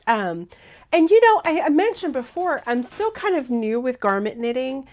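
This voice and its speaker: Hoarse woman chatting on a knitting vlog. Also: sits high, very animated, moderate pace, a little mellow. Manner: chatty, rambling, friendly. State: hoarse, froggy voice from illness. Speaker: knitting vlogger. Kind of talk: casual vlog chat.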